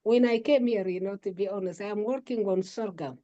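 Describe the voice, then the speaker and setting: A woman's voice: mid-range voice, fairly quick, warm tone, dull audio. A woman researcher answering questions in an online webinar over a video call, hesitant and explanatory. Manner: hesitant, many fillers, explanatory. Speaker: researcher and plant breeder.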